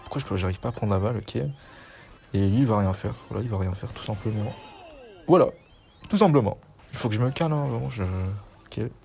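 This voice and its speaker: A man's voice: lowish voice, quick pace, vocal fry, warm tone, soft background music. A young man giving casual, chatty gameplay commentary as a gaming YouTuber, self-mocking and slangy.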